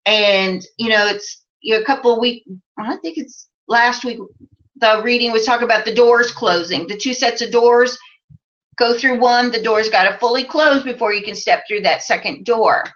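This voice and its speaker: A woman's voice: on the high side, moderate pace, fairly bright tone, highs cut off. A woman in her forties from the American Midwest, a life coach chatting on a live stream, reading out viewer comments, with lots of "you know" and frequent laughs.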